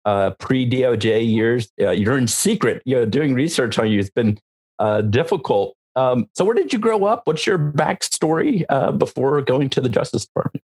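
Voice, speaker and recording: A man's voice: mid-range voice, lively intonation, normal speed, a little mellow. A man hosting an interview show, asking questions in a friendly, informal way. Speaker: podcast host. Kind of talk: casual interview.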